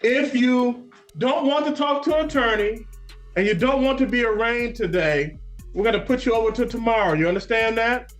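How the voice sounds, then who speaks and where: A man's voice: very high-pitched, normal speed, soft background music. A male judge questioning a defendant firmly during a courtroom hearing. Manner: firm, stern questioning. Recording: roomy courtroom audio.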